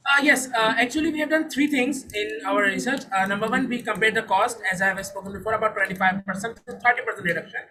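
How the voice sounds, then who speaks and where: With a crowd audible behind him, a young Saudi founder pitches his startup and answers questions in a fast, high-pitched voice that hardly pauses. He sounds earnest and formal, offering a polite "sir." It is a low-quality recording.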